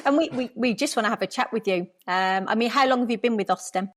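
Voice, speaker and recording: A woman's voice: a little high, fast. A woman hosting the podcast, chatty and jokey, who laughs often. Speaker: podcast host. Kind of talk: casual interview chat.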